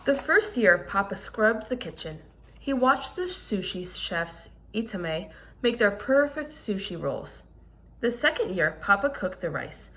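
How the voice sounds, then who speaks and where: A woman reads a children's picture book aloud in a teacherly way, expressive and deliberate, stressing key words and adding explanations along the way. Her voice is medium-pitched, with a slight hiss or hum in the recording.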